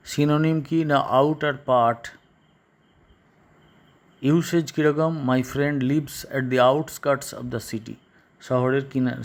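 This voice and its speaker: Male teacher, slow and halting. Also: mid-range voice. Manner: slow, halting, repeats and translates each phrase. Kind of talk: class lesson explaining English in Bengali.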